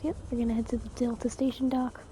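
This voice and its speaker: Speaking fast and flat in a slightly high voice, a woman hosts a casual video game walkthrough, explaining each step with commentary and instructions. Background noise and game sound run underneath.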